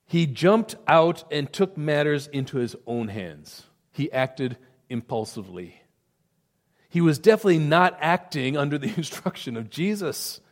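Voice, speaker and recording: A man's voice: fairly high pitch, lively intonation, measured pace. Earnest male preacher in a reverberant hall. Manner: earnest, emphatic preaching with repeated words. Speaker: pastor. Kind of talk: sermon.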